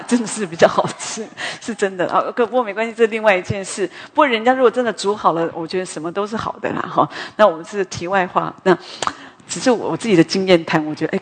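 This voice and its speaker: A woman preaches in a chatty, animated storytelling way, drifting into side remarks as she goes. Her voice is slightly husky and sits in a middle range. The sound carries a long hall reverb. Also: mid-range voice. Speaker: preacher at a women's morning prayer meeting. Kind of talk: conversational sermon with storytelling.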